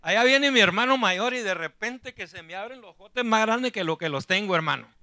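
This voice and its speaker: A fervent man preaching in church, his high, piercingly bright voice heard close and dry. He calls out to the congregation again and again and climbs into shouting at the peaks. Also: animated, fairly quick, no room sound. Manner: fervent, calls out "hermano" constantly, rises to shouting. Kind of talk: sermon.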